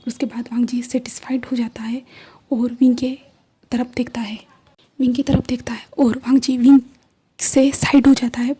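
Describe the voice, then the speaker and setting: A woman narrating a fan fiction story in Hindi-English, in a soft, often whispered voice. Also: fairly high pitch, level tone, normal speed, husky.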